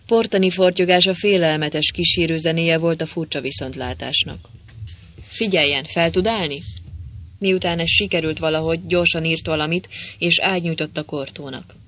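A man reading an adventure novel aloud as an audiobook, telling the story briskly and voicing each character himself. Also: a little high, steady tone, a bit bright. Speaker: audiobook narrator.

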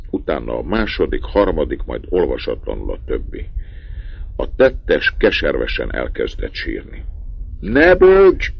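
A man reading a story aloud in a measured, expressive way with a gravelly voice. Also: extremely low pitch. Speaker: narrator. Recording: dull dry lo-fi recording.

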